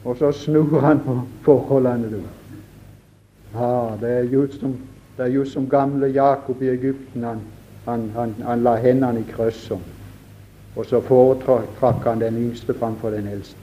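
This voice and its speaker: A man's voice: medium pitch, steady tone, warm tone, a little hiss or hum. A man preaching a sermon with fervor, firing rhetorical questions at his listeners and addressing them directly again and again.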